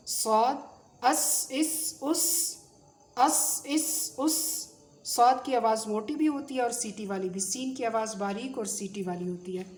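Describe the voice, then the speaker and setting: A woman with a Pakistani Urdu accent teaching a tajweed lesson, patiently drilling letter sounds and repeating them slowly. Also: fairly high pitch, a little mellow. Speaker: Quran recitation teacher.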